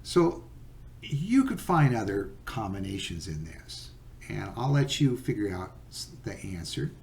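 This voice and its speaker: A man teaching a recorded geometry lesson, patient and unhurried, with many fillers and okays. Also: fairly low pitch, big pitch swings, vocal fry, darkish tone.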